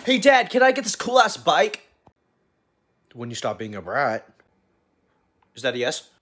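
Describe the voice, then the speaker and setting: A man's voice: a little high, huge pitch swings, unhurried. A teenage or young adult man doing casual, goofy, profane comedy skits in slangy talk into a phone. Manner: goofy, profane, slangy, often bursting into yells. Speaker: short-skit video creator. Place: mostly a cluttered home garage. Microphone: phone at arm's length.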